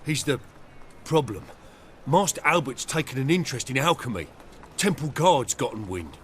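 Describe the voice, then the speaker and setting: In a bit of video game dialogue, a man plays a meek, deferential valet serving a noble lady, talking in a servile, folksy way and dropping words. His medium-pitched, slightly bright voice is very animated and moves at a moderate pace, sounding earnest and worried. There's slight background noise.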